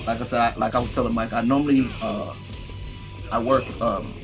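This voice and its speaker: A man's voice: medium pitch, fairly even intonation, brisk, over music. A man from Texas with an American accent, chatting casually in a hesitant, repetitive way. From Texas, United States. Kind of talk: casual chat.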